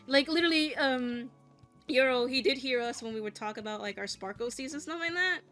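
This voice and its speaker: Her voice sitting high and fairly quick with a fairly bright tone, this woman in her late twenties plays a game and speaks candidly. She swears a lot and laughs nervously as she vents, while soft music plays in the background.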